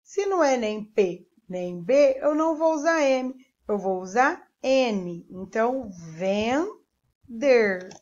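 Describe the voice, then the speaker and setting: Brazilian lady teacher, slow and patient, kinda high voice, dull lo-fi sound. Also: animated, darkish tone. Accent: Brazilian Portuguese. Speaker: primary school teacher. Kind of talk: remote classroom lesson. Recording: dull lo-fi recording.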